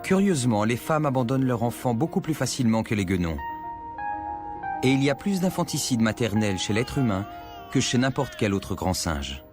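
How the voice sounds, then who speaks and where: A man narrating a scripted nature documentary in a measured, explanatory storytelling manner. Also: medium pitch, sing-song. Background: music.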